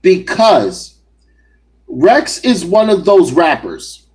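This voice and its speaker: A man's voice: high voice, sing-song, extremely slow, a little mellow, low-quality recording. A man giving assertive, argumentative commentary on battle rap, speaking directly to his viewers. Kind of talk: opinionated solo commentary.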